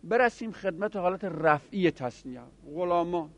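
A man teaching a grammar class, explaining rules step by step and quizzing his students with quick questions. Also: high-pitched, lively intonation, no echo.

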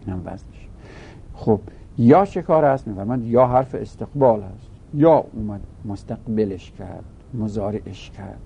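A man's voice: lowish voice, animated, vocal fry, warm tone, slightly rough. A man teaching a grammar lesson, working through a text. He asks questions and then answers them himself, patiently restating each point.

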